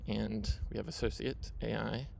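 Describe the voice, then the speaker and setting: A man's voice: fairly low pitch, fairly even intonation, moderate pace, vocal fry, a little mellow, a little hiss or hum. A man hosting his own video, casually walking viewers through his screen with lots of fillers and "right?" tags. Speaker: video host. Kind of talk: casual screen-share walkthrough.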